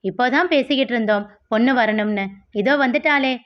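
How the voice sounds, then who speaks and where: A woman's voice: a little high, steady tone, moderate pace, natural voice. A woman voicing a blunt older uncle in a storybook reading. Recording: dull lo-fi audio.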